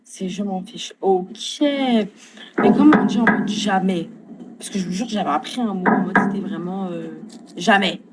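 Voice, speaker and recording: A woman's voice: lowish voice, steady tone, moderate pace, a loud crowd, rough recording. A woman casually chatting on her live stream, talking in loose slang, swearing freely, answering her chat and fumbling for English words.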